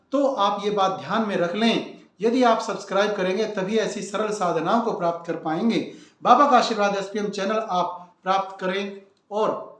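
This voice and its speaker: Devotional channel host, man, high-pitched, preachy, echoey room. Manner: earnest, preachy, addresses viewers directly. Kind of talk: spiritual advice talk.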